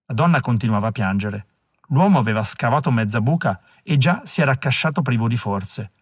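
A man reading an audiobook as narrator in a measured, even storytelling delivery. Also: medium pitch, breathy edge, dry recording, clean studio sound.

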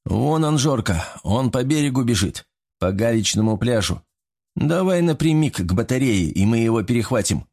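A man's voice: mid-range voice, animated, normal speed, a little mellow. A man voicing a tough male army major who gives curt orders in a raised voice, in an audiobook. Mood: commanding.

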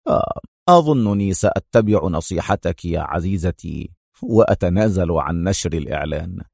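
A man voicing a calm, ironic male secret agent who speaks in a low, wryly teasing tone. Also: normal speed, no echo, studio quality.

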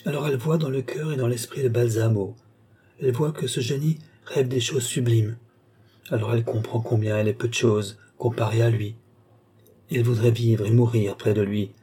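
Un narrateur de livre audio, au ton posé et littéraire. Le timbre est chaud et légèrement rauque. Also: male voice, mid-range voice, mellow, husky. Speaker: audiobook reader.

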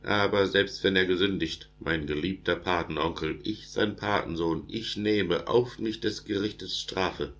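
Storybook badger read by a man, small and loyal, earnest, very deep voice, rhythmic verse. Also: steady tone, measured pace, few pauses, a bit bright, highs cut off.

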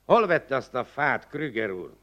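An actor playing a pompous small-town magistrate in a radio play, blustering and quick to shout. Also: male voice, medium pitch, very animated, highs cut off. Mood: questioning. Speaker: village magistrate. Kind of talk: 1950s radio play acting.

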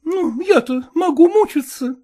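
A male storyteller voicing a lively, frank young woman who firmly sets her terms, in a brisk, coaxing, insistent manner. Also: extremely high pitch, voice pushed up.

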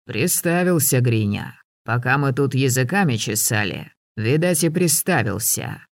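Man doing a gruff hunter, sardonic, growling orders, dry close sound, audiobook. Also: mid-range voice, lively intonation, measured pace, dry recording. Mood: gruff mocking. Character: gruff cunning old hunter man, mocking.

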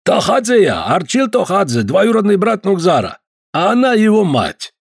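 A man's voice: high-pitched, huge pitch swings, normal speed, creaky, slightly rough, no room sound, clean studio sound, pitched above the performer's own voice, heavily acted. A man voicing a pushy, effusive Georgian man with a strong Georgian accent who keeps calling everyone "dear". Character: Georgian man, pushy, smooth then threatening.

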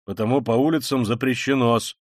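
A man reading an audiobook voices an officious male street policeman who talks in a loud, curt way. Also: medium pitch, steady tone, a little fast, dry recording, clean studio sound, natural voice.

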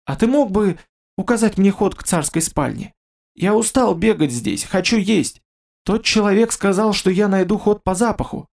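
Skittish scrawny werewolf guy, a man putting it on, high jumpy voice, rough edge, storybook. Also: animated, darkish tone, full character voice. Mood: pleading. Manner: frightened, hurried, pleading. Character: nervous scrawny male werewolf in human form. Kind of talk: audiobook character voice.

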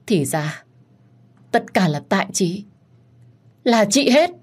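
Woman performing a jealous young mistress, shrill, higher than her own voice. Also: expressive, normal speed, slightly rough. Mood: whining. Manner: shrill, whining.

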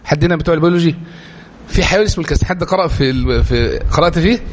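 An Egyptian man gives an animated religious lecture to a live class. He talks at a brisk clip in a somewhat high voice and drives his points home with rhetorical questions. A faint hum of ambience sits behind him. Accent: Egyptian Arabic.

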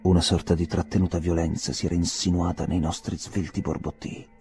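A man reading a literary novel aloud as an audiobook narrator, measured, low and earnest, turning dramatic in the dialogue. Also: little pitch movement, warm tone, soft background music.

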